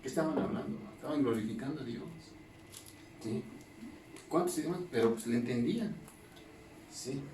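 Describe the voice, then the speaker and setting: A man's voice: medium pitch, moderate pace, long pauses, noisy background. A male pastor leading a Bible study, teaching in a conversational way and checking in with the congregation through constant tag questions. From Mexico. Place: church hall. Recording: echoey room, distant mic, faint ambience.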